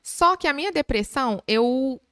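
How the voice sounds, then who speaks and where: A woman in her thirties with a Belo Horizonte accent, a manicure telling stories in a podcast interview with lively quoted voices. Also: sits high, moderate pace, no room sound, studio quality. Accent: Belo Horizonte, Minas Gerais. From Brazil. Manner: animated storyteller, lively quoted voices, laughs often. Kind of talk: casual interview chat.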